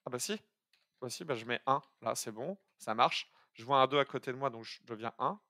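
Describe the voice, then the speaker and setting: On a live coding stream, a man walks viewers through an algorithm in a chatty, hesitant way, stopping and restarting sentences, filling gaps with fillers, and thinking aloud. His mid-pitched voice is brisk, dry, and close to the mic.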